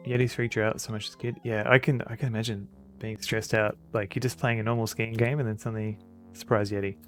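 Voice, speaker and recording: A man's voice: lowish voice, level tone, fast talker, a bit bright, faint music behind. A man chatting casually on a live stream as he plays a retro adventure game, rambling in an easygoing way.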